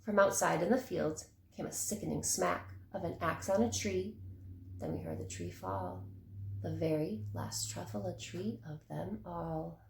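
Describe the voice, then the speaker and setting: A woman teacher reading a rhyming picture book aloud with an expressive, rhythmic delivery. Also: on the low side, unhurried, creaky, a little hiss or hum. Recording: echoey room.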